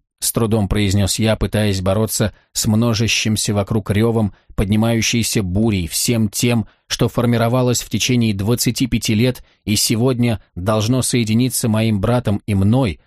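A man reading a first-person audiobook in a measured, tense storytelling manner. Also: on the low side, a little mellow, no echo, clean studio sound. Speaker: narrator.

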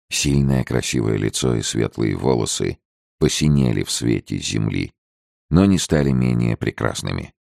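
A man narrating an adventure audiobook in a measured, steady storytelling manner, with a deep gravelly voice. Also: dry recording, clean studio sound.

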